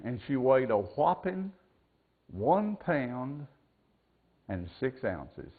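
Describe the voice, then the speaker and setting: A male pastor preaching a sermon into a pulpit microphone, slow and deliberate, dropping to a hush and swelling up again. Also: mid-range voice, sing-song. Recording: tinny lo-fi church recording.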